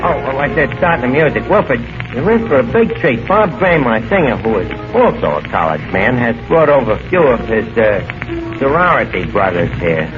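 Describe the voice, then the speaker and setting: A man's voice: medium pitch, big pitch swings, normal speed, muffled recording, over music. An actor playing a brash, blundering male tavern manager who mangles fancy words, in 1940s radio comedy style, heard through an old AM radio broadcast. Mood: chummy. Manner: folksy, bluffing, fumbles with uh. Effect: old AM radio broadcast sound.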